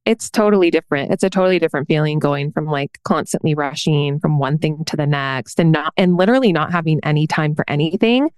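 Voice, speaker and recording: A woman in her thirties hosting a podcast interview, conversational and quick to agree. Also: low-pitched, darkish tone, clean tone, no echo. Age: 30s. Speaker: podcast host.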